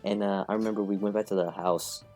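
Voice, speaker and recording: Faint music plays behind a young male podcast guest who tells a rambling story in casual conversation, heavy on fillers and laughing throughout. He talks fast, with a fairly low, darkish voice and fairly even intonation.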